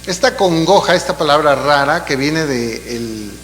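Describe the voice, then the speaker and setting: A man's voice: fairly high pitch, animated, unhurried, fairly bright tone, soft background music. Man preaching in an echoing church hall. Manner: conversational, explaining with asides and rhetorical questions. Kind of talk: sermon. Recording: long hall reverb, faint hum.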